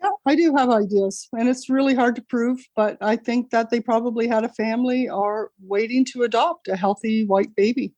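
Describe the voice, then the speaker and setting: Middle-aged woman, first language Italian, fairly high voice, earnest and rushed, dry close sound. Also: fairly even intonation, a little mellow, dry recording. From Canada. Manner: earnest, rushed retelling with many restarts. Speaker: guest, author. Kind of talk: interview over a call.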